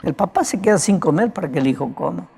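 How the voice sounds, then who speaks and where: A male evangelist preaching a sermon in a cracked, broken voice, talking conversationally and often turning to his listeners with a quick "right?". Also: high-pitched, lively intonation, creaky, dark tone, husky. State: prone to coughing.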